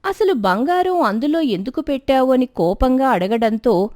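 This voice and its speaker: A woman narrating a moral story for a cartoon, expressive storytelling. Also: sits high, moderate pace, dry recording, clean studio sound.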